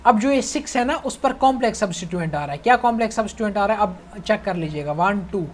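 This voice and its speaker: A man's voice: sits high, expressive, quick pace, a little hiss or hum. A young man teaching chemistry in a casual online lecture, chatty, calling his students "bhai" and checking that they follow. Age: young adult. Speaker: chemistry tutor.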